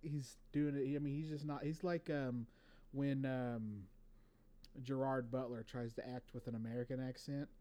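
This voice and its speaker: A man co-hosting a casual podcast, reading movie trivia from his notes in a relaxed way with fillers. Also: mid-range voice, moderate pace. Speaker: podcast co-host.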